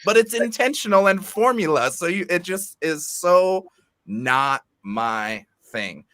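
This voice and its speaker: Bright, dry-voiced man chatting casually. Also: high voice, slow pace, no echo. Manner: relaxed, rambling with fillers and restarts. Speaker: guest. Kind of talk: casual conversational interview. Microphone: remote video call.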